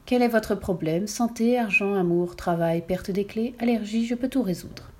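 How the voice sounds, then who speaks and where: A sly young fortune-teller murmuring her offers in a low, muffled half-whisper, voiced by a woman reading a tale. Her patter is smooth and businesslike. A storybook character. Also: moderate pace, lightly acted. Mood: hushed. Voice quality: low, hushed voice.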